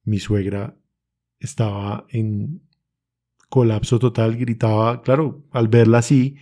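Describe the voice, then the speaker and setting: A man's voice: lowish voice, steady tone, takes it slowly, dark tone. Earnest Colombian man telling a testimony. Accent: Colombian, Bogotá. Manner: earnest, urgent storytelling, reenacts his own pleas. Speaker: podcast guest giving testimony. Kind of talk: emotional personal testimony.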